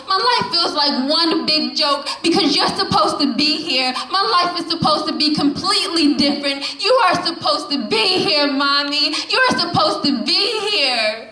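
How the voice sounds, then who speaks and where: In a poetry café reading room that echoes with faint ambience, a Bronx, New York woman in her twenties takes the open mic. Her voice is high and sharp, and her spoken word poetry is fervent and rhythmic, with lines repeated for emphasis.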